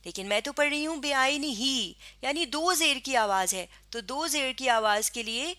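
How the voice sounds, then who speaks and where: A woman with a Pakistani Urdu accent teaching a lesson, patiently spelling out sounds and repeating words slowly. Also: high voice, lively intonation, sharp tone. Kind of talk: classroom lesson explaining pronunciation.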